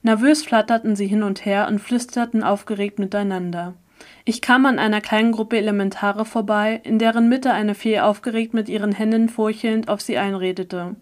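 Woman reading her story out loud, steady expressive audiobook voice. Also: medium pitch, normal speed. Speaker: audiobook narrator. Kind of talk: first-person story reading.

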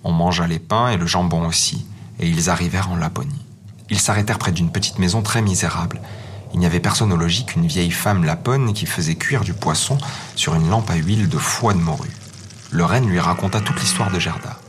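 A man calmly reading a fairy tale aloud as narrator. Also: sits low, a little fast, a little hiss or hum. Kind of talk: scripted storybook narration. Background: faint music.

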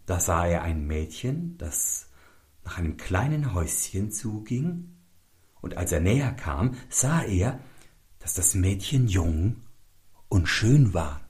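Slow, lively male fairy tale narrator. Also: on the low side. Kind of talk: scripted narration.

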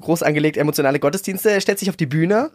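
A man's voice: on the high side, racing, no room sound, clean studio sound. A man co-hosting a casual talk podcast, thinking aloud reflectively and searching for words as he goes. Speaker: podcast co-host. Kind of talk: casual chat. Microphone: podcast microphone.

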